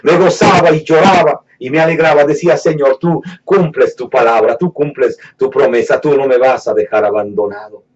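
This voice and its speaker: A man giving a fervent sermon testimony, dropping to hushed low lines and rising to raised fervent ones, slowing down to stretch words for emphasis. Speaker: preacher giving his testimony. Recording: distant mic, dull lo-fi sound.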